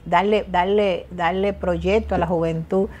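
A woman's voice: lowish voice, fairly even intonation, unhurried, darkish tone. An older woman from the Dominican Republic, a guest in a TV studio interview, speaking emphatically with frequent restarts and repeats. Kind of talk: casual interview talk. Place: TV studio set.

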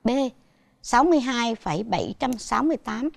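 A woman's voice: a little high, sing-song, fast talker, vocal fry, no room sound. A woman with a Southern Vietnamese accent teaching a televised primary school math lesson, patiently asking her pupils questions as she goes.

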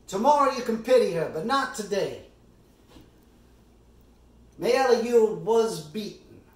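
Playing a middle-aged defence lawyer on stage, an amateur actor gives a courtroom summation in a high voice, forceful and accusing. He speaks deliberately and earnestly, with impassioned oratory and dramatic pauses, picked up by a distant mic in an echoey room.

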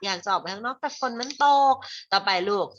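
A woman with a Thai accent runs an online English class for children, mixing Thai with slow, carefully spelled English and calling the audience "child." Her voice is mid-range and a bit bright, while the audio is dull with slight background noise.

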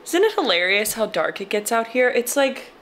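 Young woman, american, casual vlog, slightly high voice, bright tone, chatty with fillers, apartment, close camera mic. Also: big pitch swings, moderate pace. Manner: chatty, upbeat, lots of fillers. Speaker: vlogger. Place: small apartment, indoors. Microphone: camera or phone mic at close range.

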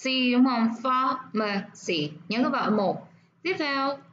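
A woman teaching nursing English, explaining step by step and repeating words slowly to show where the stress falls. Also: high-pitched, animated, lo-fi sound, a little hiss or hum.

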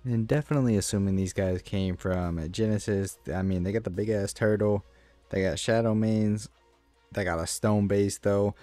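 A man's voice: on the low side, steady tone, normal speed, mellow, soft background music. A man giving casual, rambling gameplay commentary as a gaming video creator, with lots of fillers and restarts. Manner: laid-back, rambling with many fillers. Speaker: gaming YouTuber.

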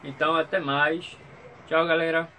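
Speaking with a fairly high, bright, forceful voice at a moderate pace, this YouTuber delivers his vlog update flatly, hesitating, repeating himself and frequently checking in with his audience. He's indoors in a small room at home, and the audio is poor, with clear background noise and room ambience.

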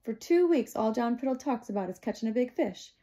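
A woman's voice: a little high, animated, brisk, mellow, lightly acted. A woman reading aloud, voicing a bossy, spirited young girl who teases and talks in short, clipped phrases. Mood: taunting. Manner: teasing, clipped simple phrasing.

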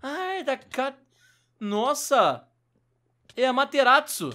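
A young man with a Brazilian Portuguese accent, hosting a Minecraft let's-play and shouting frantically through the fights. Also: extremely high pitch, big pitch swings, slow pace. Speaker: gaming YouTuber host.

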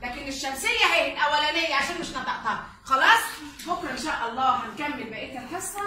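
High-voiced Egyptian woman teacher in an echoey classroom. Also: animated, racing, sharp tone, a little hiss or hum. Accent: Egyptian Arabic. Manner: patient, drills pupils with repeated questions. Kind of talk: classroom reading lesson. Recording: echoey classroom, distant mic.

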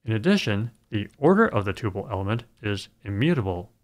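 A man narrating a scripted programming screencast in a calm, measured way. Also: fairly low pitch.

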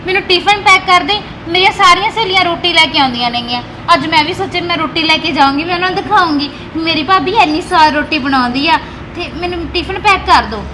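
A chirpy young college girl, played by a woman, with a very high voice and quick, eager chatter. Clear background noise and a passing vehicle run behind her. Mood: chatty. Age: young adult. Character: chirpy young college-going sister-in-law.

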